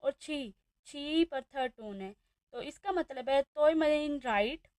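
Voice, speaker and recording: With a high, slightly mellow voice and a Pakistani Urdu accent, a woman teaches beginners, slowly saying each new word and repeating it several times. There's no echo on the recording.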